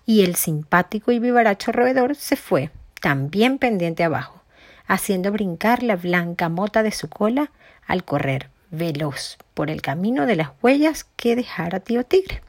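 A woman narrates an animal folk tale with a measured, expressive reading. Her voice sits at a middle pitch, and the recording is dry and close. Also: no room sound. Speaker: storyteller.

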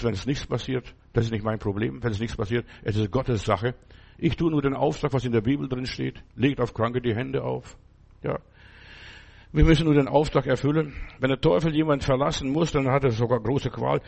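A man's voice: medium pitch, creaky, darkish tone. A middle-aged man preaching a sermon in an earnest way, often repeating phrases and asking "right?". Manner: earnest, repeats phrases with many tag questions.

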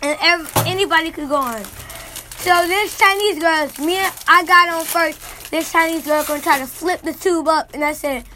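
A young woman with a high voice hosts a casual talk show, rambling through her stories. A faint hiss sits under her voice. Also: moderate pace. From Miami, Florida. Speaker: host.

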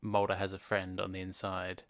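A man's voice: deep voice, monotone, moderate pace, a bit bright, dry recording. A man co-hosting a podcast in casual chat, dropping dry, wry asides. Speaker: podcast co-host.

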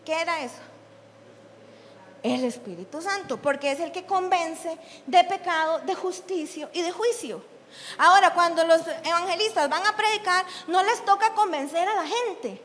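A woman's voice: very high-pitched, normal speed, a bit bright, big-room sound, slight background noise. A woman preaching a sermon as the church's lay leader, blunt and teasing, firing questions at the congregation. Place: church hall.

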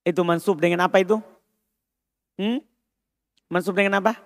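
High-voiced male religious teacher. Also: steady tone, moderate pace, gravelly, no room sound, clean studio sound. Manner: repeats terms, translates, quizzes students. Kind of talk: classroom lesson on Arabic grammar. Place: mosque study class.

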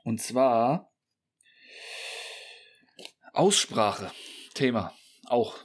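A man's voice: medium pitch, expressive, drawn-out words, husky. A man, co-hosting a casual podcast and playfully mock-lecturing. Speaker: podcast co-host.

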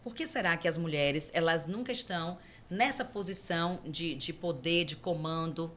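A middle-aged woman with a Brazilian Portuguese accent, a podcast guest who tells stories in a lively way and acts out the dialogue. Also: on the low side, moderate pace, a little hiss or hum. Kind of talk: conversational storytelling.

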